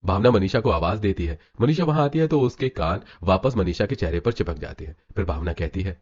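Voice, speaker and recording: A man narrating a scripted animated story in a brisk storytelling manner. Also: low-pitched. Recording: dull lo-fi with music.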